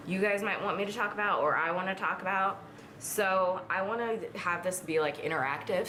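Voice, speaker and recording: A woman's voice: on the low side, a bit bright, slight background noise. A woman in her twenties chatting casually to her viewers while doing her makeup, rambling with lots of fillers. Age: 20s. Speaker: beauty vlogger. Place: at home in front of a mirror.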